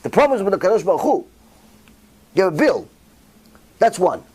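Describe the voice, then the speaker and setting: Animated high-pitched male rabbi. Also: fairly quick, slightly rough, low-quality recording. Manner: emphatic, rhetorical questions to the audience; dramatic swings in pitch and volume. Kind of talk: Torah lecture.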